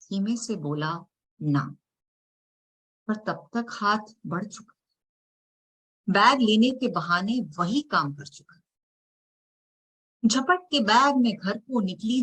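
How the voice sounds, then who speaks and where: A woman poet reciting her own spoken word poetry for an online event, mixing casual talk with dramatic delivery that swings between hushed and loud lines. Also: on the high side, lively intonation, takes it slowly, pauses often, slightly rough, rough recording. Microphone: video call.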